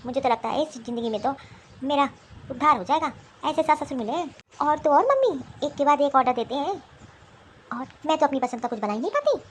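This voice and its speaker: A woman voicing a dramatic, complaining young married daughter in an animated cartoon. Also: high-pitched, a little hiss or hum.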